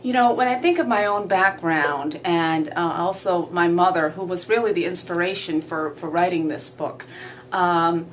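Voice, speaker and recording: A woman from Barbados, a guest author in a radio interview, speaking earnestly and in measured phrases with frequent fillers. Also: on the low side, slight background noise, low-quality recording.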